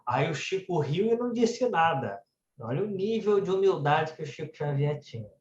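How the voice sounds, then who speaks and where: This spiritist centre speaker, a man with a Brazilian Portuguese accent, shares his religious message through conversational stories, frequently checking in with "né." His somewhat high voice is expressive and moves at a moderate pace. The room echoes and the sound is dull and muffled.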